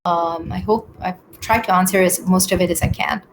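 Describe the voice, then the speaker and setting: A woman, answering questions in a business webinar over a video call, with many pauses and restarts. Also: fairly low pitch, fairly even intonation, a little hiss or hum, rough recording. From Singapore. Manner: hesitant, many ums and restarts.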